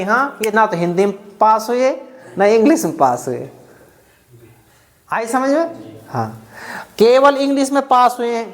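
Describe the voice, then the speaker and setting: A man teaching an exam-prep math lesson, counting out each calculation aloud step by step and often checking that the class has understood. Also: very high voice.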